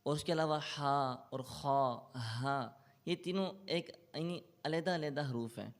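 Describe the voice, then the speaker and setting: A man with a Pakistani Urdu accent, a Quran tutor answering interview questions and explaining tajweed patiently. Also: mid-range voice. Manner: recites in slow melodic chant; explains patiently with English loanwords.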